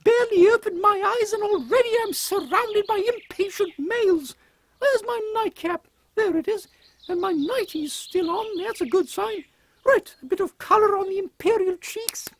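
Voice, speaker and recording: Very high-voiced, imperious Queen Victoria. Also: moderate pace. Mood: flustered. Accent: British upper-class. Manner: pompous, regal, exclamatory. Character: imperious, eccentric, indignant elderly British queen. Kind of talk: theatrical comic audio drama acting. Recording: faint background noise.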